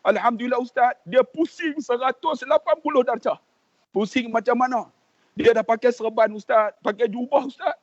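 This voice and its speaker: A man's voice: very high voice, moderate pace, no echo. A man, a preacher and pilgrimage guide, telling an emotional religious story and earnestly addressing the host. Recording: dull lo-fi, dry sound.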